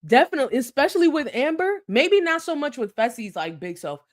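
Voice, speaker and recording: A woman's voice: sits high, brisk. A woman co-hosting a casual recap podcast, talking animatedly and acting out what people said. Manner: animated, acts out quotes. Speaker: podcast co-host.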